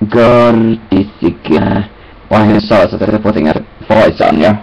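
Speaking at a measured pace, a young man with a fairly low, darkish voice mumbles casual self-talk at his webcam. His phrases are disjointed and sprinkled with sing-song filler sounds, and he's in a small, cluttered indoor room. The highs are cut off in the recording.

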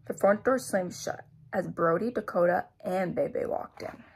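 A woman reading a children's picture book aloud, expressive and voicing sound effects. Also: fairly low pitch, unhurried, vocal fry, a little hiss or hum. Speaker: storybook reader. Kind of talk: children's read-aloud narration.

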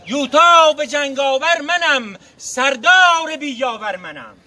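A man giving a theatrical, declamatory recitation of epic verse in the naqqali storytelling style, proud and dramatic, with drawn-out words. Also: very high voice, lively intonation, pushed and bright.

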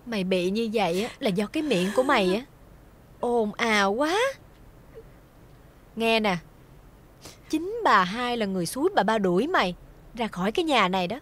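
A blunt, kindly senior servant, middle-aged, Southern Vietnamese accent. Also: female voice, fairly high pitch, expressive, normal speed, long pauses, fairly bright tone. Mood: gruff, soothing. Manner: blunt, scolding yet soothing. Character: older woman servant, gruff but kindly, scolding. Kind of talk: TV folk-tale drama acting.

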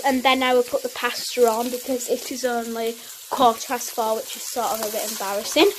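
A woman's voice: sits high, noisy background. A teenage girl with a Northern English accent chatting through a cook-along vlog in her home kitchen, rambling and correcting herself as she goes. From England. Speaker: vlogger. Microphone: phone camera held close.

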